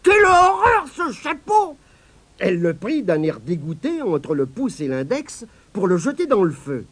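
Husky man reading a children's story. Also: a little high, very animated, normal speed, darkish tone.

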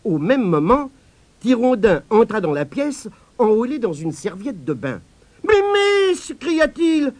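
A man reading a children's story aloud in a gently expressive way. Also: high voice, measured pace, husky.

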